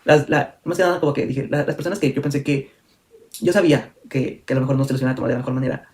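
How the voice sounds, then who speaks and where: A young man recounts a personal story to his viewers. He rushes through it at a quick clip, candid and a little rambling, correcting himself as he goes. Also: mid-range voice, darkish tone. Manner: fast, candid, full of fillers and self-corrections. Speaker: vlogger.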